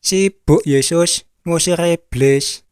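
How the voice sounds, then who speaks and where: A man putting on a shrill, frantic demon-chasing disciple. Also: takes it slowly, a little mellow, clean tone, dry recording, clean studio sound. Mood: defensive. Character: overeager male exorcist, obsessed with casting out demons.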